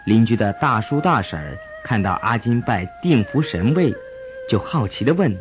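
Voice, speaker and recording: A man narrating a folk tale in an expressive, dramatic storytelling manner. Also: medium pitch, moderate pace. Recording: dull audio with soft music.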